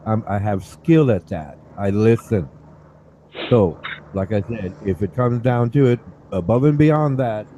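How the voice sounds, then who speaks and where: A man arguing casually in an earnest, deliberate and repetitive way, on a noisy online voice chat connection. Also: lowish voice, warm tone. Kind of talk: casual argument.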